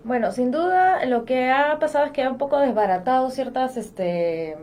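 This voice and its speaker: A woman speaking as a political science guest on a discussion podcast, analytical and lively, with frequent fillers. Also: sits high, normal speed, faint music behind. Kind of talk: conversational panel discussion.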